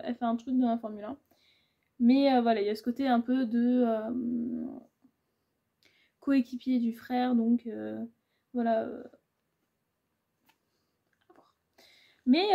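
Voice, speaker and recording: In lo-fi audio, a booktuber in her twenties rambles casually about her reading pile, filling the chat with fillers. Her voice sits a little high.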